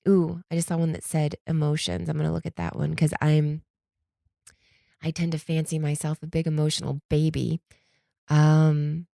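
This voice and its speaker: A deep, gravelly, warm voice with a stuffy nose belongs to a woman who's starting to lose her voice while hosting a podcast on her own. She rambles in a candid, slangy, conversational way and acts out imagined quotes, recorded dry in studio quality.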